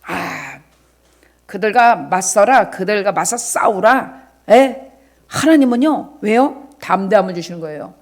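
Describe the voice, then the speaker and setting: A middle-aged woman pastor giving a sermon, moving between soft asides to the congregation and loud, shouted exhortation, and acting out God's words as direct speech. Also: mid-range voice, animated, moderate pace. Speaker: senior pastor.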